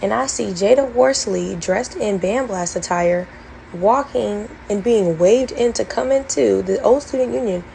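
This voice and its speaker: A woman's voice: medium pitch, measured pace, creaky, warm tone, a little hiss or hum, poor audio. A young woman earnestly recounting her college experience in a storytime vlog, detailed and full of fillers. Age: young adult. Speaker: former college band member telling her story.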